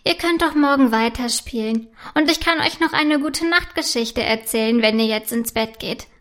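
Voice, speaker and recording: Woman doing a gentle caretaker Zophemelia. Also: a little high, moderate pace, lightly acted. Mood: loving. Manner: soft, loving tone. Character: kind female palace caretaker, gentle and loving.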